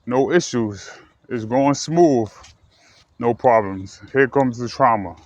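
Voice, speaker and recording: A man's voice: medium pitch, slow pace, a little mellow, dry recording. A man from the United States talking casually and earnestly to his viewers, rambling and correcting himself as he goes. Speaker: vlogger. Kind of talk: casual personal talk to camera. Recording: slightly dull lo-fi recording with faint ambient noise.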